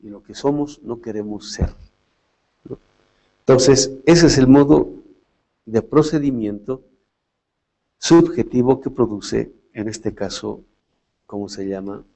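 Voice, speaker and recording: A man's voice: medium pitch, slow pace, gravelly, long pauses, mellow, rough recording. A man giving a philosophy lecture in a reflective way, often tagging his points with questions and restarting his phrases. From Latin America.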